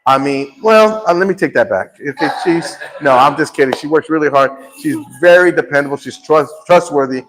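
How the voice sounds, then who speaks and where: A man in his fifties hosts a live lifestyle show from an indoor studio set with a painting behind him, talking fairly quickly with hardly any pauses against a noisy background. He teases his co-host in joking, playful chat, his pitch jumping high when he jokes.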